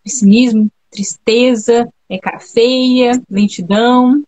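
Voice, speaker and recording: A woman's voice: on the high side, fairly even intonation, slow pace, darkish tone. A woman from Brazil hosting a live talk, speaking in a chatty, reflective way that keeps checking in with her listeners. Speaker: host of a live talk on temperaments. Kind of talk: casual live chat.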